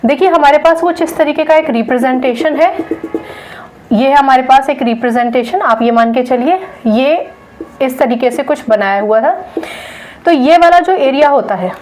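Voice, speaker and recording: A woman's voice: sits high, normal speed, darkish tone, poor audio. A woman teacher giving a lecture in an explanatory way, often checking in with her students. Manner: explanatory, checks in with "theek hai". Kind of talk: classroom lecture.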